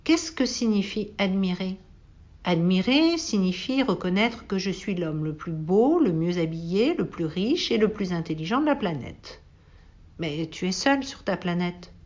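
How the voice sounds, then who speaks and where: A woman's voice: fairly low pitch, expressive, unhurried, darkish tone, highs cut off. A woman reading aloud and voicing a vain, boastful man who talks in a pompous, self-satisfied way.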